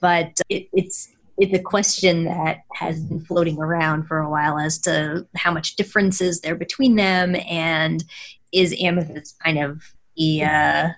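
A woman's voice: low voice, fairly even intonation, measured pace. A woman co-hosting a casual fan discussion podcast, chatty, with frequent laughs and fillers. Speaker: podcast co-host.

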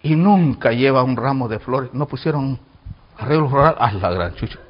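A male pastor preaching a fervent sermon, shouting out calls and then dropping low, with jokes for the congregation. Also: expressive, normal speed, dull audio.

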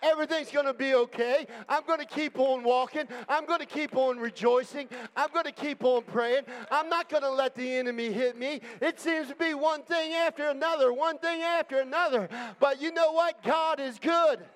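A man's voice: very high-pitched, normal speed, few pauses. A man preaching an impassioned church sermon as pastor, emphatic and declamatory, building on repeated phrases. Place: church hall during a service. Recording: long reverberant hall sound.

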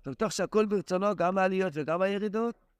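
Man doing a sly serpent, insinuating, quick needling questions, highish voice, dry close sound. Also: smooth, dry recording, close to an everyday voice. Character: insinuating serpent sowing doubt, sly and probing.

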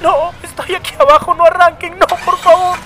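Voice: medium pitch, animated, normal speed, over music, lightly acted. An actor playing a bitter young boy in a radio drama. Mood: desperate. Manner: resentful, then pleading and desperate.

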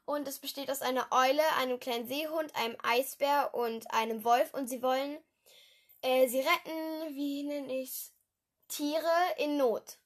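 A teenage girl from Düsseldorf talks on her own casual podcast, her voice pitched high. She rambles and corrects herself, dropping giggly asides. She speaks into a simple home microphone. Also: fairly even intonation, unhurried. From Düsseldorf, Germany. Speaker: podcast host. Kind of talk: casual solo film-review podcast.

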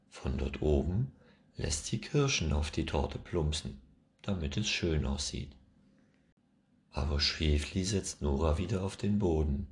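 A man reading a children's story aloud, expressive and measured. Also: a bass voice. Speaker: narrator.

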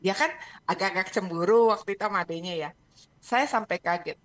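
A middle-aged woman, a parenting coach, telling a personal story on a radio talk show in a lively way, dropping English phrases. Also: mid-range voice, fairly quick. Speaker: parenting and emotion coach, guest.

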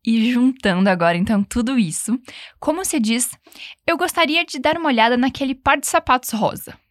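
A young Brazilian woman teaching an English lesson, saying phrases slowly and patiently for the learner to repeat. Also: on the high side, animated, no room sound, studio quality. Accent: Brazilian Portuguese. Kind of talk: language lesson.

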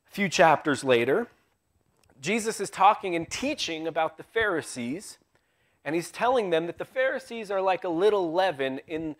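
Male preacher, sermon recorded live in a church; conversational and wry, slightly higher voice, dropping to near hushes for emphasis. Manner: swings from loud emphasis to hushed tones. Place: church sanctuary.

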